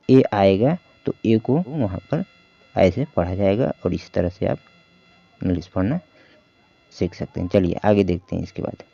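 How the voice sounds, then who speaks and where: A man's voice: fairly low pitch, gravelly, warm tone, dry recording. A man teaching English reading in a beginner phonics lesson, patiently asking questions and answering them himself, in a dull lo-fi voice-over.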